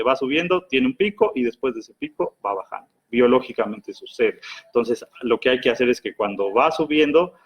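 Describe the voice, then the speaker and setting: A man with a Mexican accent giving advice on handling anger in a lively explanatory talk, often acting out imagined quarrels. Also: medium pitch, slightly rough. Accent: Mexican Spanish. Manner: lively, acts out imagined quarrels in other voices.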